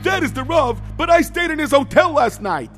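A shrill, fussy traveler , as a storyteller puts him on, with a voice that swings wildly up and down. He whines and squeals his complaints, with soft music behind. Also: sing-song, fairly quick. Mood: indignant. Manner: high, squealing, indignant. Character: demanding fussy male traveler, excitable, whiny.

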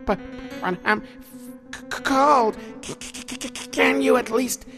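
A man's voice: very high voice, sing-song, slow pace, sharp tone, faint music behind, pitched above the performer's own voice, heavily acted. A man voicing a freezing town drunk who pleads with shivering, stammering speech in a told story. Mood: shivering, pleading.

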